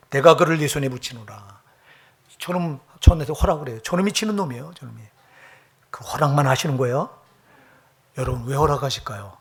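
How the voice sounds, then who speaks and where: A man preaching a sermon as pastor, emphatic and often putting questions to the congregation. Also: medium pitch.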